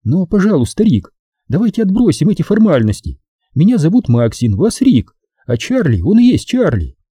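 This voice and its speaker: A man's voice: high voice, big pitch swings, moderate pace, warm tone, husky, dry recording, studio quality, voice pushed up, full character voice. A man voicing a glamorous, imperious female film star who talks sweetly but gives orders. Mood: coaxing sweet. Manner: sweetly cooing, commanding.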